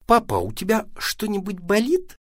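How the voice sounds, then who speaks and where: Man putting on a keen little boy, raised bright voice, bouncy pitch, dry close sound. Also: normal speed. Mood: eager. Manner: excited and earnest. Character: eager, curious little boy who loves leeches.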